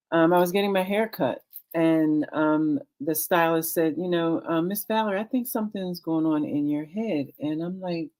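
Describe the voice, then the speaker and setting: A woman in her late sixties, a guest on a video chat, tells her story slowly, with frequent ums and pauses. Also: low voice, darkish tone. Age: 60s. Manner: unhurried, halting with many ums. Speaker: guest, author and cancer survivor. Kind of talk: casual chat, personal testimony. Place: video call.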